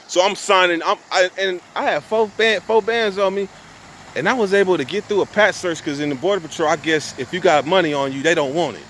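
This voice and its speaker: There's a little hiss or hum behind this young man's fairly high, slightly bright voice as he tells his viewers a lengthy story. He uses casual street slang and cusses, rambling, restarting and repeating himself frequently.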